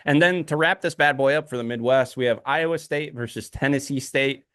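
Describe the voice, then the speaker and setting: A man's voice: mid-range voice, a little fast, fairly bright tone, dry recording, studio quality. A man co-hosting a podcast, rambling casually with many ums and uhs. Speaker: podcast co-host. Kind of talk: casual chat.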